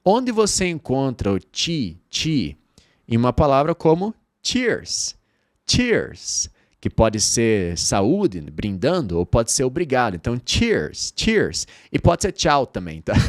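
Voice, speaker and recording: Lively Brazilian man teaching English. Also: medium pitch, dry recording, studio quality. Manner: lively, repeats words slowly for the viewer to say aloud. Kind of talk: bilingual English lesson.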